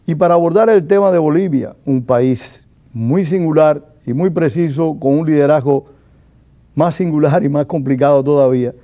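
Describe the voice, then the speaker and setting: A man hosting a formal television interview, speaking in a measured, deliberate way as he introduces his guest and asks questions. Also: fairly high pitch. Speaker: TV interviewer, journalist. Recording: dull lo-fi broadcast sound.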